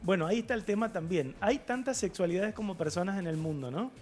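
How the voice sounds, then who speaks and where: A man, a guest sexologist on a TV talk show, explaining things in a measured way with filler pauses. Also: sits high, darkish tone, faint music behind. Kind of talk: TV studio interview. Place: TV studio.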